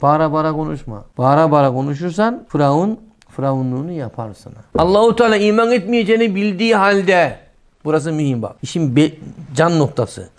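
A middle-aged male preacher giving a sermon in a lively way, acting out quoted lines in a raised voice and dropping softly for asides. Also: a little high, a little fast.

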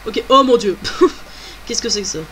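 A woman's voice: fairly high pitch, measured pace, noisy background. A woman doing let's play commentary, chatty and exclamatory, thinking aloud as she plays. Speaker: gamer.

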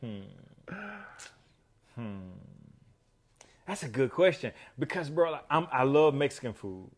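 A man co-hosting a podcast, talking in a relaxed, slangy way and often saying "bro". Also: mid-range voice, a little slow. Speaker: podcast co-host. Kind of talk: casual chat.

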